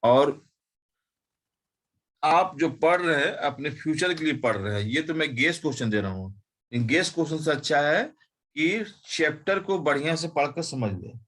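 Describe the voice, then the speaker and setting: A man's voice: on the high side, expressive, normal speed, fairly bright tone, rough recording. A man, teaching and dictating exam questions to his students word by word, repeating phrases and spelling out words.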